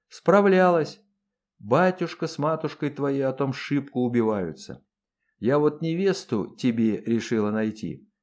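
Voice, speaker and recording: A man's voice: a little high, a little mellow. A man voicing a lazy, earthy, plain-spoken empress who drawls in folksy speech for an audiobook. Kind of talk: audiobook character voice.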